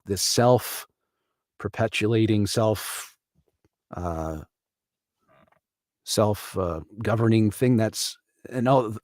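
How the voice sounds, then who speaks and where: A man from Canada hosts a casual live stream with a lowish voice. He talks in an earnest, reflective way. The sound is dry and close, with little room echo. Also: a little mellow. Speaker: livestream host.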